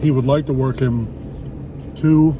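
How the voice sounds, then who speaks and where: A man's voice: medium pitch, fairly even intonation, measured pace, lo-fi sound. A middle-aged man in casual conversation, talking in a blunt, opinionated way. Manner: blunt, opinionated, lightly swearing. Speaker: vlogger chatting with his wife over a meal. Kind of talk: casual chat. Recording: distant mic, loud traffic and car noise.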